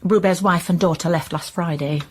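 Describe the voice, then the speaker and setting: In a radio crime drama, a woman plays a resentful, disdainful reluctant police informant, guarded and scornful, with clipped delivery. Her voice is lowish with a breathy edge, fairly even intonation and a moderate pace.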